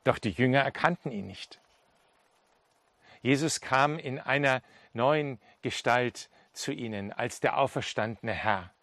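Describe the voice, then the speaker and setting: A male preacher delivers a sermon, retelling scripture scenes with emphatic storytelling. His voice sits at an ordinary middle pitch. The recording is dry and close, with no room echo. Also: unhurried, fairly bright tone.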